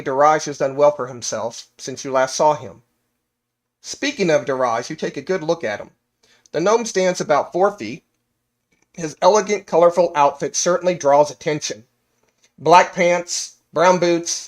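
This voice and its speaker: A man running a tabletop game as game master, describing scenes in a measured, descriptive way. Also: fairly high pitch.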